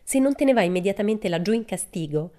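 A woman's voice: mid-range voice, lively intonation, fast, mellow, pitched above the performer's own voice, lightly acted. A woman acting a prim, severe schoolmistress, raised voice, storybook reading. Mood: stern. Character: stern, strict, cold schoolmistress woman.

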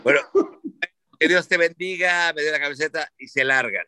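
Profane storytelling Mexican man, bright voice. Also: fairly high pitch, fairly quick, clear, resonant tone, no echo. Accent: Mexican Spanish. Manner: animated, profane, acts out quoted voices. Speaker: sports show host. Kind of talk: casual storytelling chat.

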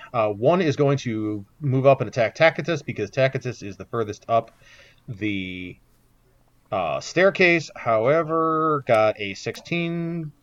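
A man with a medium-pitched voice acts as game master for a tabletop game, describing the action in detail and using lots of fillers. The recording sounds dull and lo-fi.

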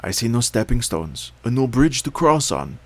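A man's voice: medium pitch, big pitch swings, moderate pace, gravelly. A man doing a worried young boy.

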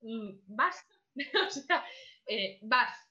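A woman chats as a podcast guest, her voice bright and fairly high. She talks with lots of fillers and laughs easily. The recording is a little dull and lo-fi. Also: lively intonation, drawn-out words. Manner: chatty, many fillers, laughs often. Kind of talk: casual podcast chat.

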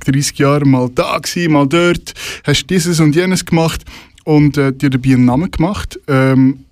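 Guy hosting, kinda high voice, lots of mhm and okay, super dry sound. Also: no echo. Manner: attentive, short affirmations. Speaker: interview host. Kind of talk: interview.

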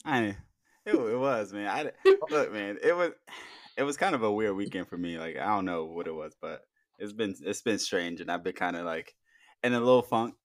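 A man's voice: on the low side, moderate pace, no room sound, studio quality. A man in his thirties co-hosting a casual sports podcast, laid-back and slangy, often trailing off. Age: 30s. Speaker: podcast co-host.

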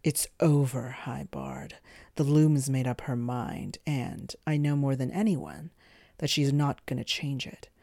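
A storyteller voicing a grieving woman who murmurs in a low, hushed way. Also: unhurried, creaky, no room sound, clean studio sound, full character voice. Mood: stern. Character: sorrowful sister with obsidian eyes.

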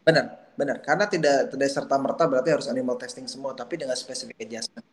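A man's voice: mid-range voice, fairly even intonation, fast. A man, a doctor and researcher, talks casually as a podcast guest, explaining at length with small restarts and hedges. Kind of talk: casual conversational interview.

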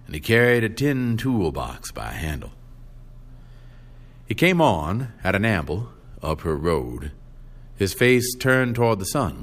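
A man reading a short story aloud with expressive, deliberate storytelling. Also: low voice. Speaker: reader.

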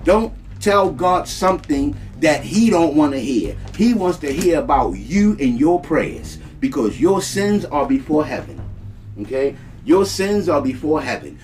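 A male preacher delivers a slow, emphatic sermon and keeps circling back to repeat his points. His voice sits a little high for a man. Soft guitar plays faintly behind him. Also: lively intonation.

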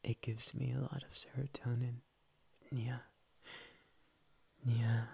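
A man doing a whispery, breathy cat boy. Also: mid-range voice, flat delivery, slow, heavily acted. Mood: teasing. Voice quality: soft whispery delivery. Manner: tender, teasing, adds "nya". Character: shy, playful young male cat boy. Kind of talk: whispered ASMR roleplay.

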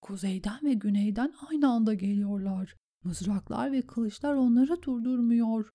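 Woman as a frightened young man, hushed, tense delivery, mellow tone. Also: fairly high pitch, measured pace, voice pushed up, lightly acted. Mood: anxious. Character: frightened young man writing battle messages.

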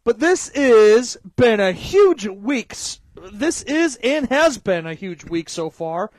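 A man in his thirties co-hosting a casual sports talk show, excitable and swearing, often shouting with excitement. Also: very high-pitched, takes it slowly. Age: 30s. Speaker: podcast co-host.

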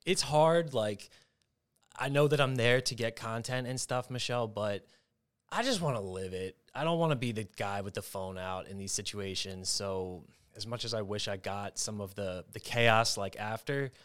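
A young adult man hosting a casual sports betting talk show, telling stories in an animated, excitable way. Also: lowish voice, moderate pace, smooth. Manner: animated storyteller, excitable, mimics shouting. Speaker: host.

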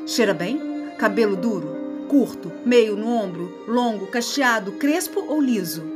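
A woman performing a spoken word poem, slow and dramatic with sudden loud outbursts. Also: fairly high pitch, lively intonation, music in the background.

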